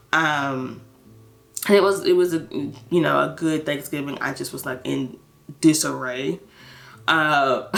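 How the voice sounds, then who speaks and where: In a casual catch-up vlog, an American woman of thirty tells her story openly, stressing points in a chatty, emphatic way. Her voice is low and a bit bright, with vocal fry.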